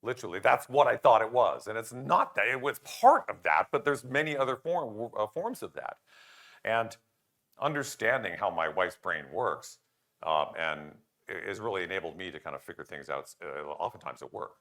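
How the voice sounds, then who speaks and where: An older man giving a conference talk, lively and jokey, acting out the remarks of others and poking fun at himself. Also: fairly low pitch, normal speed. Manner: animated, jokey, self-deprecating, acts out quoted remarks. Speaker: conference speaker.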